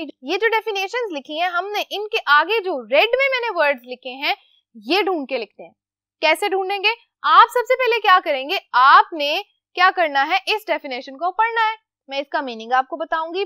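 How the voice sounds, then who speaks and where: A woman's voice: extremely high pitch, animated, normal speed, bright, forceful tone, dry recording, clean studio sound. A woman teacher, explaining a lesson to children patiently, asking questions and answering them herself. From Pakistan.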